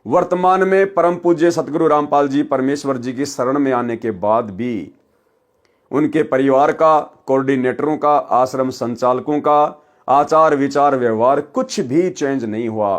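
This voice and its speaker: A man's voice: medium pitch, a little slow. A male preacher reading a scripture story aloud and stopping to comment, calling his listeners brothers and sisters.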